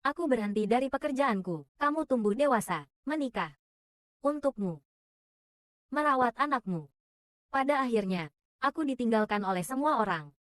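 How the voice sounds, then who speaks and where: Istri tua yang getir dan tersakiti, suara agak tinggi, kering. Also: female voice, on the high side, fairly bright tone, no echo, clean studio sound. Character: wronged older wife, weary and bitter. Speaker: dub voice. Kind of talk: dubbed drama dialogue.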